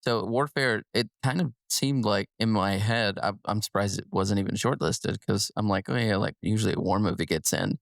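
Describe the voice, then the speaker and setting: A man's voice: on the low side, normal speed, vocal fry, few pauses, no room sound, studio quality. A man co-hosting a casual film podcast. He chats loosely, laughing often and restarting his sentences. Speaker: podcast co-host.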